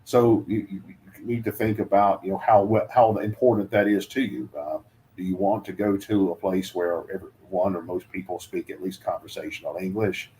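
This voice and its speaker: A man's voice: low-pitched, fairly even intonation, normal speed, warm tone, a little hiss or hum. A man giving relocation advice in a casual chat, hesitant with many fillers and restarts. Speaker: guest, relocation adviser.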